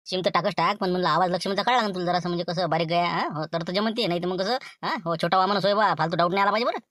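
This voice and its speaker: A Varhadi Marathi-accented woman, her voice fairly low and a bit bright, lightly acts the part of a nervous accomplice in a comedy skit. She warns against the plan anxiously and very rapidly, in clean studio sound with no room tone.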